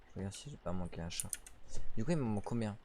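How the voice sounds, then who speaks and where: A man doing casual let's play commentary on a horror game, excitable, swearing, laughing and yelling at the game. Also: lowish voice, fast talker, slight background noise. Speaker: gamer. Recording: keyboard clicks behind the voice.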